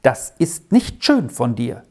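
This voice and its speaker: For an audiobook story, a reader voices an insistent, well-off lady traveler who scolds and commands in an annoyed mood. The voice is mid-range and darkish in tone, sing-song and slow.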